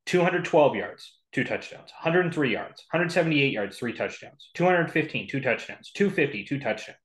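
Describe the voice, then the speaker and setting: With lively intonation and a moderate pace, this medium-pitched podcast co-host talks sports predictions casually, reeling off stats amid plenty of ums and restarts. He's also got the hiccups.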